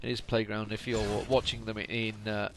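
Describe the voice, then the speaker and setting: A man's voice: fairly low pitch, normal speed. A tired man giving chatty, rambling solo play-by-play commentary on a video game late at night, often correcting himself. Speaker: esports commentator. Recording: steady noise under the voice.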